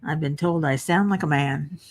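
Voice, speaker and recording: At a normal pace, an older woman chats through a casual home livestream, reading viewers' names and comments aloud and answering them with chatty self-deprecation. Now and then a frog in her throat leaves her voice a little low and raspy.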